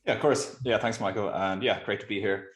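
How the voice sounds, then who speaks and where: Low-voiced man with west of Ireland accent. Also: fairly even intonation, a little fast. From Galway, west of Ireland. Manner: informal, hedging with 'kind of'. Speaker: interview guest. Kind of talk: casual interview chat. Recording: roomy, echoey sound.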